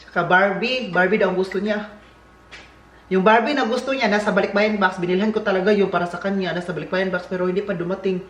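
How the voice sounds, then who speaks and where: A man's voice: sits high, steady tone, quick pace, fairly bright tone. A man with a Filipino accent, chatting casually and jokingly as a vlogger, with rambling asides. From Philippines. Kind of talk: casual vlog chat. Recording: echoey room, faint background hiss.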